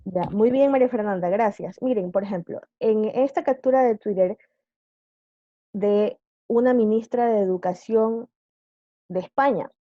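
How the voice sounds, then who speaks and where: A woman's voice: on the high side, no echo, narrow, tinny audio. A woman teacher giving a live online class, patiently quizzing her students with questions.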